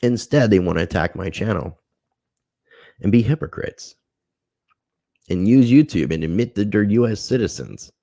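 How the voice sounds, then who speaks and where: A man's voice: on the low side, animated, normal speed, long pauses, warm tone, dry recording, studio quality. A man hosting a casual livestream, reading viewer comments, thanking people by name and airing a grievance. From United States. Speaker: livestream host.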